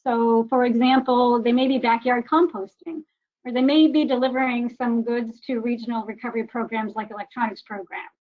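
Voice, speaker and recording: This woman runs a webinar built around data slides, her slightly high voice holding a steady tone at a fairly quick pace. She frequently stumbles into ums and restarts. Picked up by a computer microphone, the sound is dull, lo-fi and warbly from the connection.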